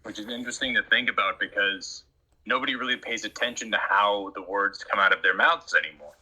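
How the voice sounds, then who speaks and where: A man's voice: on the low side, fairly quick, sharp tone, husky, rough recording. A man talking in a casual chat, rambling and emphatic with many restarts. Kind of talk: casual conversation.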